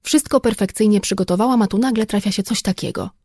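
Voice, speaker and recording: A woman voicing a flustered woman teacher who talks in a hurried, breathless way. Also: mid-range voice, warm tone, dry recording, studio quality, lightly acted. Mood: exasperated. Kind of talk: audiobook character voice.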